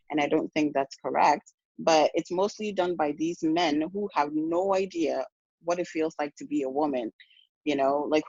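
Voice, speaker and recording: A woman's voice: deep voice, no room sound. Woman from Ghana, podcast guest; earnest, frank, self-correcting; lo-fi dry recording. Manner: earnest, frank, with many restarts and "you know". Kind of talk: casual podcast conversation.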